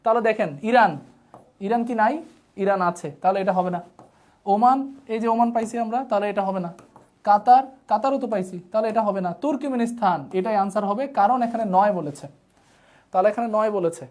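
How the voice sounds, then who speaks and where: A woman's voice: medium pitch, a little fast, a little mellow. A woman teaching a live online geography lesson, often checking whether the students have understood and giving them playful memory tricks. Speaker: online tutor.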